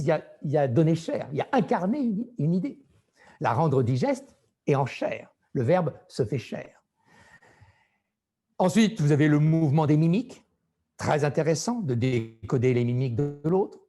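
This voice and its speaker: A man coaching public speaking, giving a didactic lecture and showing pitch and emphasis with his own voice. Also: warm tone. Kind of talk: didactic lecture on vocal delivery.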